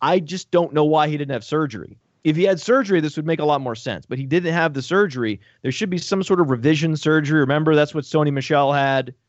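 A somewhat high-voiced man rattles on about fantasy football in an excitable, joking way, tossing in profane asides. His audio is dull and lo-fi. The sound is close and dry, with no room around it. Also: fast talker, few pauses, no room sound. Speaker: fantasy football podcast panelist. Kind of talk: casual sports podcast chat.

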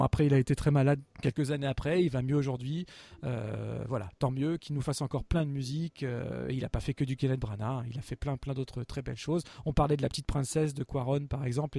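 A man's voice: medium pitch, vocal fry, dark tone, dry recording. A man hosting a film music podcast, telling a long anecdote in a casual, rambling way with many fillers and restarts. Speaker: podcast host. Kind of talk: casual storytelling chat.

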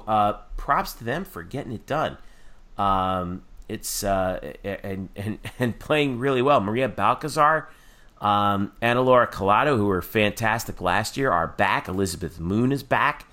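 A man hosting a casual sports talk show, often halting as he searches for his words. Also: lowish voice, animated, bright, forceful tone. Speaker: sports podcast host.

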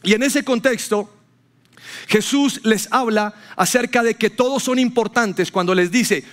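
With a high, fairly bright voice and a slightly slow pace, a pastor addresses his congregation in a sermon. His storytelling includes acting out the people he quotes, lifting his voice for them.

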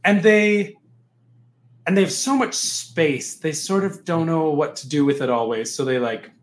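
Male stage actor, lively raconteur with a fairly high voice, recorded in a roomy space. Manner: animated storyteller, laughs through the tale. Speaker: stage actor telling an anecdote. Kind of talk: casual chat.

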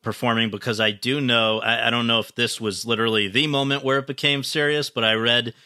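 A podcast host reads a prepared introduction, then moves on to earnest, well-prepared interview questions. His mid-range voice is sharp in tone, a little fast, and fairly even in intonation, captured in studio quality with no echo.

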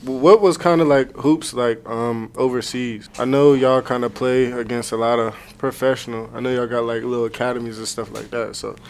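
A young man co-hosts a laid-back sports interview, his voice at a middle pitch. He rambles easily, leaning on fillers as he builds up his questions. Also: steady tone, moderate pace, hardly any pauses, slight background noise. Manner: easygoing, rambling with many fillers. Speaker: podcast co-host. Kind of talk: casual interview.

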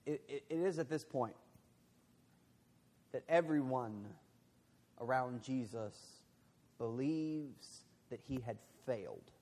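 A man preaching a sermon as a pastor, talking conversationally, mocking in quoted voices and dropping quiet and heavy in his pauses. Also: mid-range voice, in a large hall.

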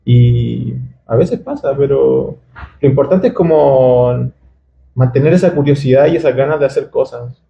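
A man's voice: mid-range voice, measured pace, vocal fry, reverberant, muffled recording, slight background noise. A man from Chile, a guest illustrator, talking reflectively and hesitantly in a casual interview in a booth at a festival. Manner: reflective, hesitant, searching for words.

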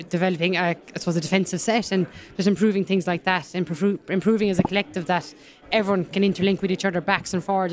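Fast-talking Kerry woman, west of Ireland accent. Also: on the low side. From County Kerry, Ireland. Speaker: rugby player being interviewed. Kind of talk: casual sports interview.

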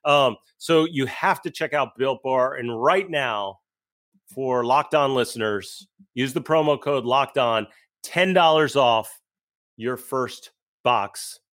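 A man's voice: mid-range voice, slow, a bit bright. A man in his thirties, co-hosting a sports podcast, talking casually with frequent stammered restarts and the odd joke, and reading an ad. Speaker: podcast co-host. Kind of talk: casual sports talk with host-read ad.

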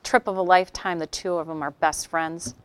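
A woman giving a workshop talk to an audience, telling stories with animated acted-out quotes. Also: fairly low pitch, fairly quick, clean tone. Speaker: workshop speaker.

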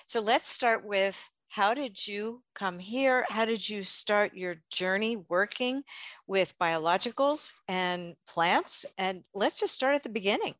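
A woman's voice: medium pitch, expressive, unhurried, a bit bright, no echo. A woman hosting a health radio show, leading a chatty interview.

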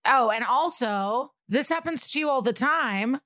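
A woman's voice: sits high, lively intonation, unhurried, fairly bright tone, dry recording, clean studio sound. A woman of thirty-three co-hosting a podcast in a bubbly, giggly, rambling way. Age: 30s. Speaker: podcast co-host. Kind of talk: casual chat.

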